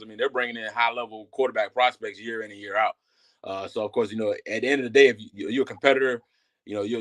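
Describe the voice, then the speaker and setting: Fast-talking man in casual sports chat. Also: mid-range voice, fairly bright tone. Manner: quick, loose talk with many fillers and restarts. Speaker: guest analyst.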